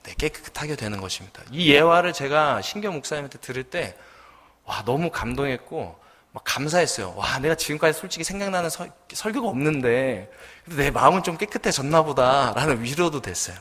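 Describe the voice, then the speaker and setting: Storytelling young preacher in a reverberant church. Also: male voice, fairly high pitch, lively intonation, a little fast, a bit bright. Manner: storytelling, asks the congregation questions. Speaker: junior pastor. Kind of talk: sermon. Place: church sanctuary. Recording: long church hall reverb.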